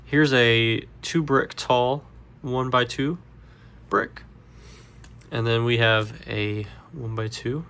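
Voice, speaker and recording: A congested man walking through a Lego build step by step, relaxed and rambling with fillers. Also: mid-range voice, slow pace, clean tone. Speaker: Lego builder, channel host. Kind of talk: casual build tutorial.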